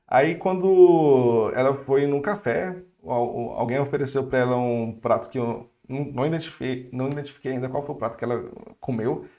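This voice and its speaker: A man's voice: fairly high pitch, darkish tone. A young man with a Brazilian Portuguese accent teaching a casual online French lesson, chatty and upbeat with friendly asides.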